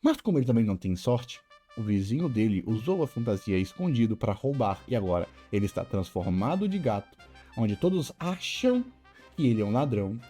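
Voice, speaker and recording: A man hosting a casual animated-film review, opinionated and given to restarting his phrases. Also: medium pitch, a little fast, soft background music. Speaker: video essay host.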